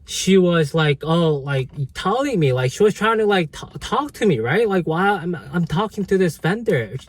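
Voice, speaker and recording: A man's voice: sits high, lively intonation, normal speed. A man casually telling a story from an old job to his viewers, full of fillers, restarts and "right?". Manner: rambling, many fillers and restarts. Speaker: vlogger.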